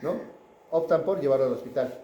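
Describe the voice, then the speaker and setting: A man's voice: medium pitch, brisk, dark tone, echoey room, a little hiss or hum, rough recording. A man giving a pediatrics class lecture, chatting with students and asking them questions.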